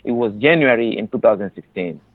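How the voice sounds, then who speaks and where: Speaking briskly with lively intonation, a medium-pitched man with a Congolese accent gives heartfelt testimony as an interview guest, often repeating himself for emphasis. He is a resettled refugee from the DR Congo who grew up in a camp in Tanzania. The audio has a narrow, phone-like quality and no echo.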